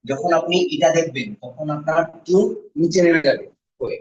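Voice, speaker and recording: A man teaching a basic language class who says sounds slowly and clearly, then has the students repeat them. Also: a little high, a little mellow. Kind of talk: classroom lesson. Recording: echoey room, distant muffled mic.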